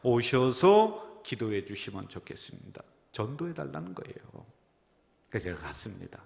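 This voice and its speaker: Korean pastor preaching in a reverberant hall. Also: male voice, medium pitch, sing-song, normal speed, gravelly. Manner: storytelling, dropping to a whisper and rising for emphasis. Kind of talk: sermon. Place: church sanctuary.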